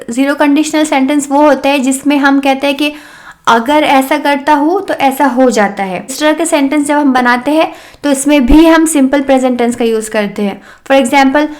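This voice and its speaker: Woman, Urdu accent, high-pitched, English grammar lesson, slow careful examples. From South Asia. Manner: explains step by step and reads example sentences slowly and deliberately. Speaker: English teacher. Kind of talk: language lesson.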